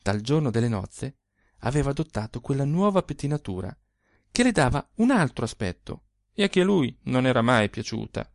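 A man's voice: medium pitch, sing-song, normal speed, creaky, no room sound, clean studio sound. A man narrating a literary short story aloud with theatrical, varied delivery. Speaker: audiobook reader.

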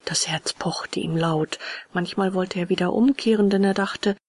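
A woman reading a children's storybook aloud in an expressive manner with whispery stretches. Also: on the low side, moderate pace, husky, no room sound. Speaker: reader. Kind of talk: storybook narration.

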